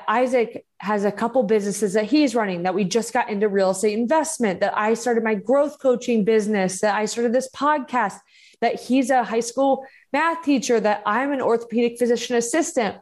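Encouraging woman podcaster, slightly high voice. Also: darkish tone. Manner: encouraging, earnest. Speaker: podcast host and growth coach. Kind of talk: motivational solo podcast talk.

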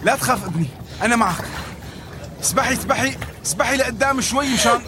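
A man's voice: very high-pitched, fast, background noise. A man playing a kind Syrian man who reassures others on a sinking boat, with a Syrian Arabic accent in an audio drama. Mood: reassuring.

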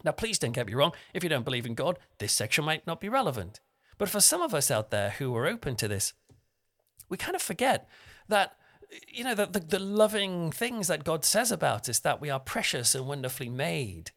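A man's voice: on the high side, very animated, fairly quick, fairly bright tone. A young man giving a conversational, self-deprecating devotional talk as a preacher. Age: young adult.

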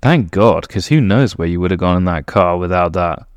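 A man hosting a podcast, asking relaxed, reflective questions in casual interview chat. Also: deep voice, moderate pace, no echo. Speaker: podcast host.

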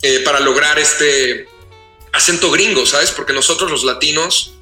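A man with a Mexican accent, an actor talking as a guest in a casual interview, animated and full of slang. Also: fairly high pitch, moderate pace, soft background music. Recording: roomy echo.

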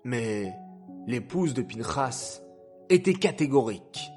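A man narrating a story in a slow, measured telling. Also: mid-range voice, big pitch swings, darkish tone, faint music behind.

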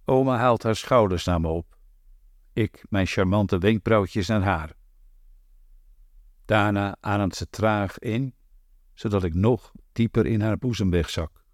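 Low-voiced guy reading a novel, slow and careful. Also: no echo, studio quality. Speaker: audiobook narrator. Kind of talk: literary audiobook reading.

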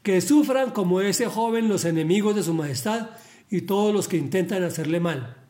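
A man's voice: sits high, moderate pace, mellow, lightly acted. A man voicing a foreign soldier delivering news formally and bluntly in a Bible reading.

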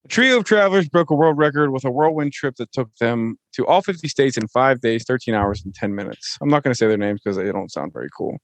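A man's voice: medium pitch, lively intonation, fast, few pauses, dry recording. A man reading a news item on a casual podcast with friends, with offhand dry humor. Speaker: news segment reader on podcast.

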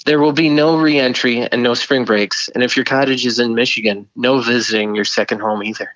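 A man's voice: mid-range voice, steady tone, a little fast, a bit bright, no echo, muffled recording. A man playing a flustered, stammering mission control operator, heard over a radio link in a comedy skit.

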